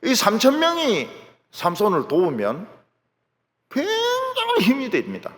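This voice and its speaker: Animated pastor. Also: male voice, very high voice, unhurried. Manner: animated storytelling, acting out quotes. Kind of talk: sermon. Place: large church sanctuary. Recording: long hall reverb.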